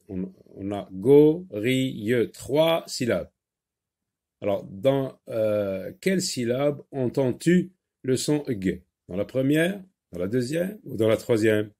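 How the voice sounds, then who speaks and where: Slow, patient male phonics teacher. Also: mid-range voice, darkish tone. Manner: slow, patient, repeats words and syllables. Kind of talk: French phonics lesson for children.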